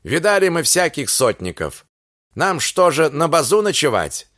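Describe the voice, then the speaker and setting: A man voicing a rough, threatening Cossack soldier who shouts his orders in an audiobook reading. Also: a little high, big pitch swings, measured pace, dry recording, studio quality, voice pushed up. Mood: shouting. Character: rough loud armed Cossack soldier, male.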